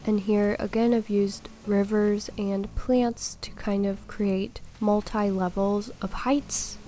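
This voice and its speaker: Mellow-voiced woman, slightly sick and crackly. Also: mid-range voice, takes it slowly, soft background music. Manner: calm step-by-step explaining, giving tips. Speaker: video game tutorial host. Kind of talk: tutorial voice-over over gameplay.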